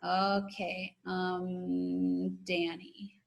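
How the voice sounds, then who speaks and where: Speaking extremely slowly in a completely flat, gravelly, lowish voice, a woman teacher reads aloud and leads discussion for her pupils in an online class. Her manner is encouraging, and the video-call audio has its highs cut off.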